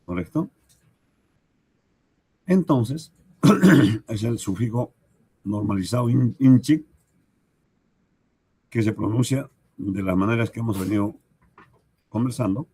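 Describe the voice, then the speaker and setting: A man with a Peruvian Spanish accent teaching a recorded language lesson, speaking slowly and deliberately, repeating examples and checking in with "right?". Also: lowish voice, expressive, darkish tone, husky. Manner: slow, deliberate, repeats examples and asks "¿correcto?".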